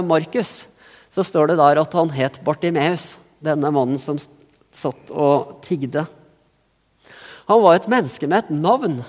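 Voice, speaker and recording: A pastor from Norway delivers an earnest, reflective sermon, pressing harder at key phrases. This man's voice sits a little high. A long church reverb trails after his words. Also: a little mellow. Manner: earnest, reflective, with rising emphasis in places.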